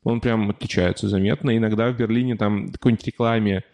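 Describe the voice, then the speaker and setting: With a lowish, steady, slightly mellow voice, this man talks fast as a podcast guest who lives abroad. His casual chat is rambling storytelling, packed with fillers and frequent restarts.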